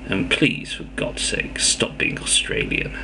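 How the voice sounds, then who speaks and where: A man's voice: a little slow, background noise, natural voice. A man playing a cranky old-fashioned listener who phones in blunt, grumbling complaints to a radio show. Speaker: prank caller. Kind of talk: comedy radio sketch.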